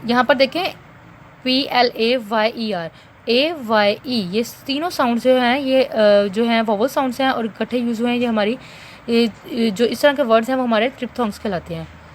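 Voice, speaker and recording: A woman with a fairly high voice teaches an English lesson to students at home. She reads example words carefully and slowly, then explains them with hesitant fillers. A faint hiss sits under the recording. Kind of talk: recorded online class lecture.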